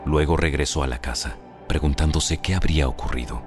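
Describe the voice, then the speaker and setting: A man narrating a dramatized Bible in a booming, solemn, scripted manner. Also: brisk. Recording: music under the voice.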